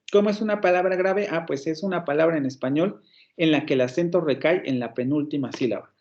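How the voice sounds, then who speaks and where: A man with a Mexican Spanish accent gives an online university phonetics lecture in a slightly high, darkish voice at a fairly quick pace. He thinks aloud while explaining and stops to correct himself. The audio is somewhat dull, like a computer mic on a video call.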